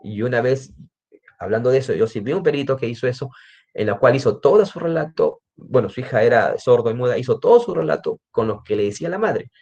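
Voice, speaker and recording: A man's voice: medium pitch, lively intonation, quick pace, creaky, a little mellow. A man with a Peruvian Spanish accent, a forensic psychologist giving a lecture, explaining step by step and often adding "¿no?" tags and restarting his sentences. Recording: slightly dull lo-fi recording.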